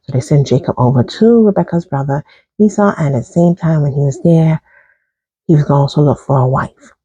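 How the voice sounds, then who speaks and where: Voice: medium pitch, a little fast, dark tone, husky, dry recording. A chaplain retelling a Bible story in a chatty, rambling way, with chuckles and side remarks, on a dull lo-fi recording. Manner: chatty, digressive, with chuckles and asides.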